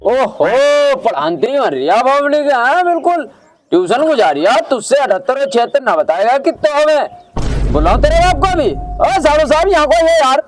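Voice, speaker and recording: A man's voice: very high-pitched, sing-song, normal speed. A man playing a crude mocking uncle. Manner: mocking, crude, theatrical scolding. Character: foul-mouthed meddling uncle, boastful and teasing. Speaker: comedy sketch actor.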